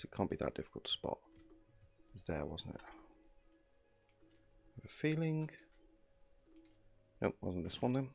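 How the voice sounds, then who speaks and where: A man's voice: on the low side, gravelly, darkish tone. A man in his thirties streaming a game from home, chatting casually into a desk mic with lots of fillers and asides. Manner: rambling, filler-heavy, easygoing. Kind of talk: casual gameplay commentary.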